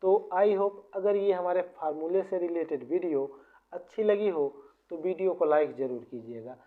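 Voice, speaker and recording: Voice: medium pitch, normal speed. A maths teacher patiently explaining formulas step by step, often repeating points. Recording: tinny phone-like sound.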